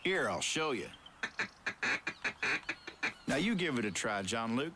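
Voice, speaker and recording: A man's voice: mid-range voice, very animated, slow pace, background noise. A man playing a patient, encouraging backwoods duck hunter who gives easygoing instructions in a video game tutorial. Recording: game audio with ducks and ambience.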